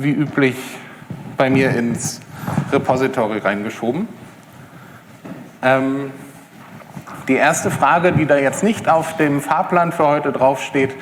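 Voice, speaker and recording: A man's voice: medium pitch, a little hiss or hum. A man from Berlin giving a live tech talk to an audience, with many fillers and restarts. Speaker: conference speaker. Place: lecture hall with audience. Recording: echoey hall with long reverb.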